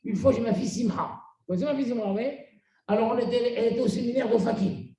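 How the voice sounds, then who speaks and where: A middle-aged man from Tunisia, a rabbi giving a sermon as an animated storyteller who acts out the dialogue. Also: extremely high pitch, quick pace. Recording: very echoey room, mic far off.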